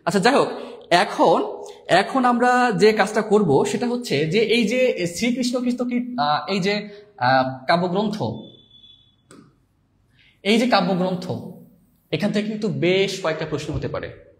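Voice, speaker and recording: A male teacher giving a live exam-prep lesson, reading out viewers' comments and spelling words slowly. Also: high-pitched, lively intonation. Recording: echoey room.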